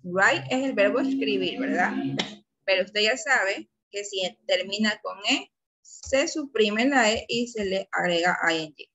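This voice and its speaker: A woman with an Ecuadorian Spanish accent teaching an English grammar class, speaking slowly and patiently and stretching out her example sentences. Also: medium pitch, animated, fairly bright tone, husky, poor audio.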